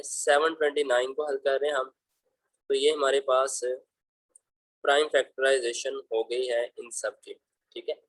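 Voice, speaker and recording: A man's voice: fairly high pitch, dry recording, poor audio. Patient male math teacher, close and dry. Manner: patient, addresses students fondly as beta. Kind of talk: explaining math problems over slides.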